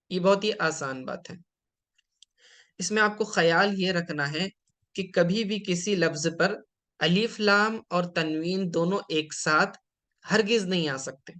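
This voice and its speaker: A man's voice: high voice, fairly bright tone. A man with a Hyderabadi Urdu accent teaching Arabic grammar, patiently explaining slides, repeating terms and checking that students follow.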